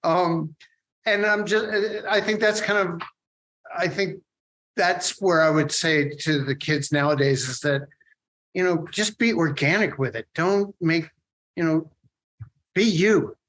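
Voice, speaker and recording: A late middle-aged man from the Philadelphia area, a guest artist talking in a casual interview, rambling and halting with many restarts. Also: a little high, a bit bright, a little hiss or hum, poor audio.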